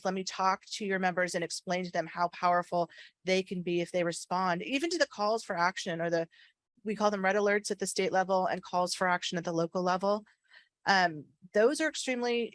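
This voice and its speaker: A woman's voice: mid-range voice, dry recording. A woman giving an earnest, emphatic, persuasive talk to a meeting as a staff speaker, repeating key phrases, her speech slightly slurred from wearing a retainer. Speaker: association government affairs staff speaker.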